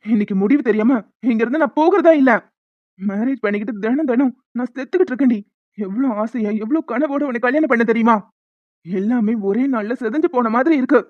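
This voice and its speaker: A voice actor playing a hot-tempered young husband in a cartoon, who shouts bitterly and then pleads softly. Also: male voice, extremely high pitch, a little fast, no echo. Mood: angry. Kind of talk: Tamil cartoon voice acting. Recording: dull lo-fi sound.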